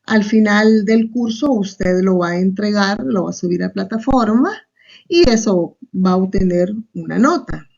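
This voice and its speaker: A woman's voice: medium pitch, animated, unhurried, creaky, a little mellow. A woman teacher with a Salvadoran Spanish accent, giving a recorded online class and explaining step by step, often tagging on a questioning aside. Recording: muffled lo-fi recording.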